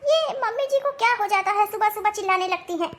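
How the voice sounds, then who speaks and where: A woman's voice: extremely high pitch, fast talker. A woman voicing a stubborn, lazy young city bride in a cartoon, talking back and scolding her husband. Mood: sleepy, annoyed. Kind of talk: cartoon voice acting.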